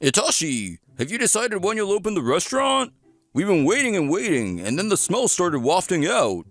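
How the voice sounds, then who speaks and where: An actor playing a meddling, excitable older male neighbor in a comic dub. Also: sits high, normal speed, no echo, faint music behind, heavily acted. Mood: impatient. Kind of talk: comic dub character acting.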